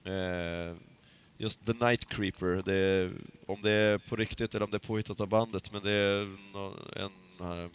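A man with a lowish voice co-hosts a casual podcast conversation. He circles his points with frequent "eh"s and restarts, and a faint hum of background noise sits under his talk. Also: fairly even intonation. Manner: hesitant, many fillers and restarts. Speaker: podcast co-host. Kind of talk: casual chat.

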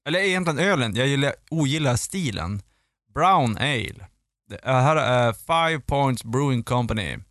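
A man's voice: mid-range voice, animated, a bit bright, dry recording, clean studio sound. A man chatting casually as a podcast co-host, joking and laughing at his own quips. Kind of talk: casual chat.

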